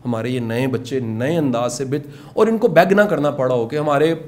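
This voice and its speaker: A middle-aged man with a Punjabi accent, talking informally and earnestly to course participants, urging them and dropping in English phrases. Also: medium pitch. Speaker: motivational speaker teaching a course. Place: indoor classroom with participants.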